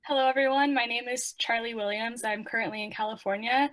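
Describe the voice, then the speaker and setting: A woman introducing herself in a lively, chatty way during an online presentation. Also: fairly high pitch, brisk, no echo.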